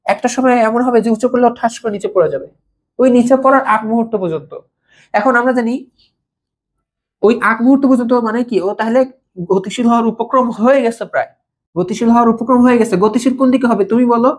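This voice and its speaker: A woman's voice: a little high, quick pace. Woman teaching physics, checking in often. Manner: conversational, keeps checking understanding with questions; repeats key terms for students to note down. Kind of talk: recorded video lecture for school students.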